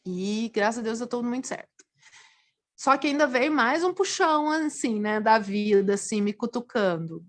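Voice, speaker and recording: A Brazilian-accented woman speaks as a guest on a TV talk show, recounting her own experience. Her voice sits somewhat high and keeps swinging upward when the feeling builds. She talks earnestly and expressively, in a conversational way. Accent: Brazilian Portuguese. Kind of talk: personal story in a TV interview.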